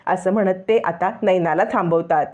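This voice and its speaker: Female narrator for serial recap, expressive, lo-fi. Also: on the low side, normal speed. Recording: dull lo-fi audio.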